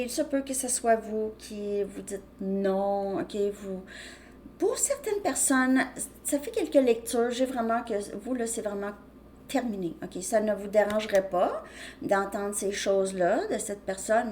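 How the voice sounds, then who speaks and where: A woman's voice: mid-range voice, dark tone, slight background noise. Rambling Québécois woman reading tarot. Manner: loose, rambling speech with frequent restarts. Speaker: tarot reader. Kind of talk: casual tarot reading to viewers.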